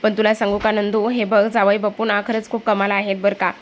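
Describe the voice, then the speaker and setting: A woman voicing a gentle, caring elderly father who is recovering from illness and speaks softly and affectionately. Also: medium pitch, flat delivery, brisk, slight background noise, lightly acted. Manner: soft and affectionate.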